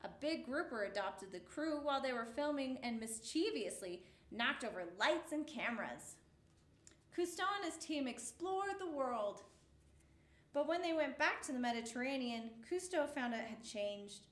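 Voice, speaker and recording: Storytime for young kids: a woman with a high-pitched voice reads aloud from a picture book. The space around her is big and reverberant, and her phrasing stays measured and expressive throughout.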